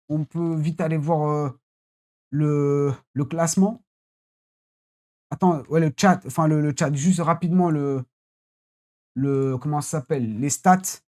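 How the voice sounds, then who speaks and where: A football channel host giving a casual, rambling live debrief after a match, blunt and quick to swear. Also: medium pitch, warm tone.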